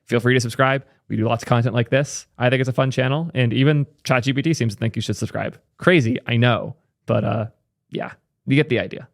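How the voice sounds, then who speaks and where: A young man talks through programming opinions in a loose, opinionated commentary style, thinking aloud and tossing in quick asides. His voice sits at an ordinary male pitch. The sound is close and dry, with no room around it. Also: fairly even intonation, gravelly, no echo. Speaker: tech streamer reacting to clips. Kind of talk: casual commentary.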